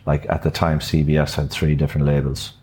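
A man's voice: extremely low pitch, level tone, a little fast, a little mellow, a little hiss or hum. An older man with a west of Ireland accent, telling anecdotes in a casual, hesitant way as an interview guest. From Sligo, Ireland. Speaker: musician, podcast guest. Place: furnished upstairs room in a venue.

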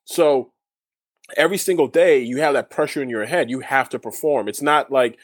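A man's voice: medium pitch, moderate pace, dry recording, clean studio sound. A man, a guest in a casual interview, telling his story in a rambling way with many restarts. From Canada. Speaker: guest, former overseas basketball player.

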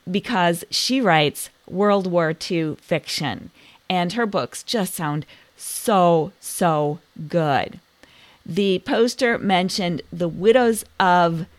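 A woman with a fairly low speaking voice hosts a book podcast, sharing recommendations with eager, conversational enthusiasm. The sound is close and dry, with no room echo. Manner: enthusiastic, chatty. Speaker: podcast host. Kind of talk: casual book recommendation talk.

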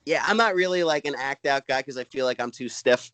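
A man from Brooklyn with a Brooklyn accent chats casually as a comedian being interviewed, rambling and halting, with "like" all through his talk. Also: mid-range voice, a bit bright, smooth, dry recording. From Brooklyn, New York. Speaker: stand-up comedian, podcast guest. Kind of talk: casual chat.

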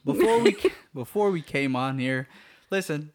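A young man co-hosts a podcast in loose, joking chat. His voice sits a little high, and he often laughs and drops into slang. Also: animated, normal speed. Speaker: podcast co-host. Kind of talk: casual chat.

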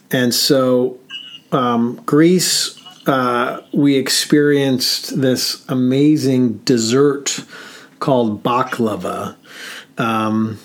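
A man speaking as a podcast co-host, telling a personal story in casual chat, slow and halting with frequent pauses and fillers. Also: medium pitch.

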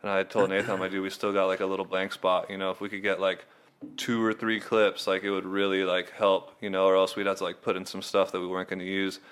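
A man's voice: deep voice, completely flat delivery, fast talker, a bit bright, clean tone. A young man in casual chat, laid-back and filling his talk with "like" as he recounts editing a video. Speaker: video editor and filmer.

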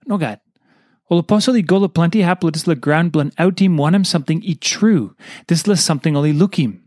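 A man's voice: on the high side, a little mellow, no echo. Man reading a devotional, very dry sound. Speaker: devotional reader. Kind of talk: scripted devotional reading in Tok Pisin.

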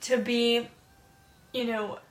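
A woman co-hosting a casual podcast, earnest and reflective in how she talks. Her voice sits fairly high. The recording has a roomy echo. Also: level tone, slow pace. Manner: earnest, reflective, laughs easily. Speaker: podcast co-host.

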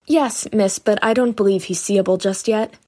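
A woman's voice: medium pitch, normal speed, a little mellow, close to an everyday voice. A woman reading aloud, voicing a worried young housemaid who frets and sighs. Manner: worried, sighing.

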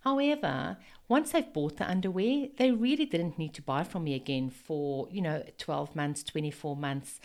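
Afrikaans south african lady around 50 doing a podcast intro, lowish voice, talks right to you. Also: animated, normal speed, few pauses, darkish tone. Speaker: podcast host. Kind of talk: introductory podcast monologue, partly scripted.

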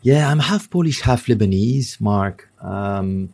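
A man's voice: fairly low pitch, animated, slow pace, gravelly, a little mellow, slightly rough. A man in his thirties from Congo, talking as a guest in a casual interview, rambling with many fillers and restarts.

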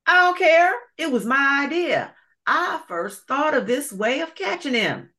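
A woman voicing a quarrelsome bad male alligator in a storybook, loud and bickering. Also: medium pitch, big pitch swings, measured pace, voice pushed up. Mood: squabbling.

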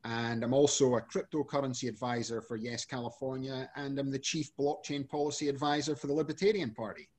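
Brisk and barely pausing, a Scottish man delivers casual interview answers as a podcast guest, with a flat, mid-range, darkish voice. He is the CEO of an energy company and chats loosely, using lots of fillers.

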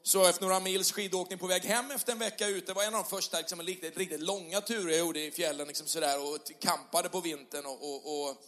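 A middle-aged male pastor preaching a sermon in a church hall, conversational with tag questions, rising to loud passionate peaks. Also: high-pitched, fairly even intonation, hardly any pauses. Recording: long hall reverb.

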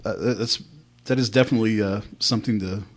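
A man interviewing casually, feeling his way through a question in halting, tentative phrases. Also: lowish voice, steady tone. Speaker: interviewer, co-host.

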